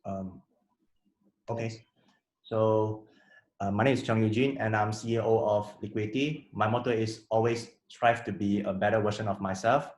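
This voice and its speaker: Young guy pitching a class project, lowish voice, kinda halting, echoey room. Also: steady tone, a little mellow. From Malaysia. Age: young adult. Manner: halting, formal presenting. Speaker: student presenter. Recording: roomy echo.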